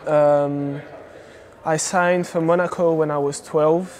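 A man's voice: fairly high pitch, slow. A young man from France whose first language is French, talking casually in an interview with lots of yeahs, recorded on a lapel mic in an indoor training hall. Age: young adult. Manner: relaxed, many fillers and repeated yeahs. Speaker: footballer guest. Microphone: clip-on lapel mic.

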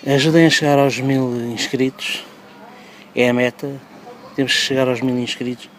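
A man's voice: mid-range voice, little pitch movement, moderate pace, slight background noise, low-quality recording. A man in his thirties with a European Portuguese accent, chatting upbeat to his phone at arm's length outdoors on a street. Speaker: vlogger. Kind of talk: casual vlog.

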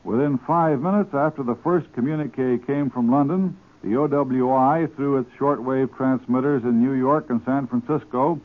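A man giving a formal, steady wartime news report as a correspondent, heard through an old 1940s radio broadcast. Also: mid-range voice, phone-quality sound.

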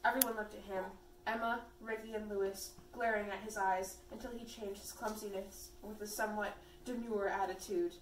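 A woman's voice: mid-range voice, fairly even intonation, normal speed. A teenage girl casually reading fan fiction aloud with friends, often breaking into giggles. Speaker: fanfiction reader. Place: room at a birthday party. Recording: echoey room, far from the mic, faint noise.

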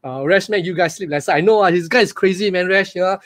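A man in his forties with a Malaysian English accent, speaking into a webcam from a small room during a live webinar. His voice sits high and he talks quickly. He is energetic and repeats himself, often putting questions to his viewers. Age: 40s. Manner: energetic, repetitive, asks the audience questions. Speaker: online business coach. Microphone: webcam on a video call.

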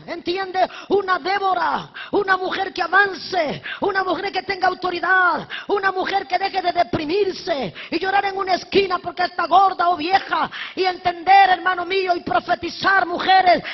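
A woman evangelist preaching a sermon with fervor, often shouting her exhortations and mixing in humorous asides. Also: extremely high pitch. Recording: echoey hall, dull lo-fi sound.

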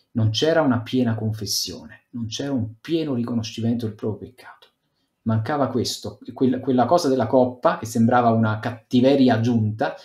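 A man's voice: medium pitch, a little mellow. A man teaching a youth group over a video call, retelling a scripture story with read passages, loose commentary and fillers. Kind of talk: Bible talk given over a video conference. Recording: echoey room.

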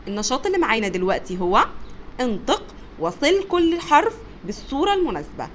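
An encouraging young woman with an Egyptian Arabic accent teaches small children their letters. Her voice sits fairly high and swings up and down a great deal as she drags each sound out slowly and loudly. A faint hiss runs under the recording. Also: very animated. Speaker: kindergarten teacher.

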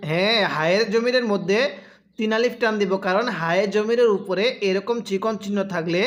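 A man teaching Quran reading step by step, patiently asking and answering his own questions between slow, drawn-out chanted recitations. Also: sits high. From Bangladesh.

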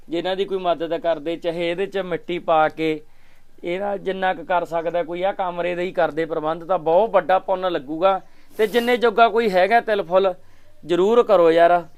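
A man's voice: high voice, darkish tone, smooth. Man making a pleading appeal. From Punjab, India. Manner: pleading, repeats requests to share and help. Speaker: charity vlogger. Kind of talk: vlog appeal. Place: outdoors at a village home. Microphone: handheld mic.

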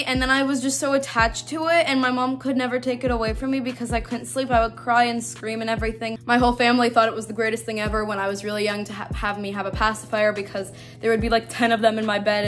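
A woman's voice: fairly high pitch, fairly bright tone. Chatty teen girl with a slight lisp. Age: teens. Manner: chatty, bubbly, quick asides. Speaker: YouTuber. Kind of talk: casual vlog talk to camera.

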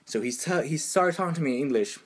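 A man's voice: a little high, lively intonation, fast, slightly rough. A young man telling everyday stories in a casual, exasperated rant, acting out other people's lines in a raised voice. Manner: exasperated, uses slang. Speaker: vlogger.

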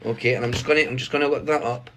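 Racing through a prank call, a man in his thirties plays a mock-official army recruiter and rambles on, captured by phone in a small, bright bedroom indoors. His medium-pitched voice stays fairly even and fairly bright, with a little hiss or hum in the recording.

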